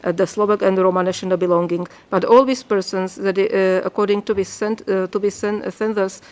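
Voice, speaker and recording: Woman, formal testimony, halting, frequent fillers, mid pitch. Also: fairly even intonation, a little mellow. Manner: hesitant, many fillers and restarts. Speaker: state delegation member answering a UN committee.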